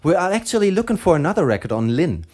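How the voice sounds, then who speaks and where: A man's voice: high voice, very animated, fast, darkish tone. A man with a German accent, co-hosting a record show in a casual, rambling, chuckling chat. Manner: rambling, self-deprecating, chuckling. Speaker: radio show co-host.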